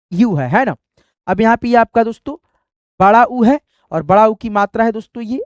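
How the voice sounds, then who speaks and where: A man's voice: sits high, darkish tone, dry recording. Male teacher, step-by-step lesson, patient, repetitive, checks understanding, dry sound. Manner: patient, repetitive, often addresses listeners as friends; checks understanding with short tag questions. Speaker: Hindi and English teacher.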